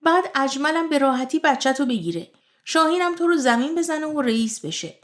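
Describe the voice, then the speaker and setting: A woman's voice: sits high, expressive. A woman reading as a scolding bitter mother-in-law. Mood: scornful. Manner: accusing, taunting.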